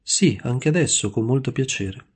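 A man's voice: mid-range voice, lively intonation, moderate pace, slightly rough. A man voicing a shy, poor sixteen-year-old boy who gives short, timid answers.

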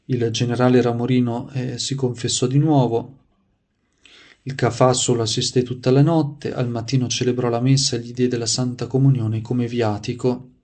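A man's voice: medium pitch, darkish tone. A man preaching, reading a saint's life in a devout tone and adding his own asides. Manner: devout, reads aloud with added asides and restarts.

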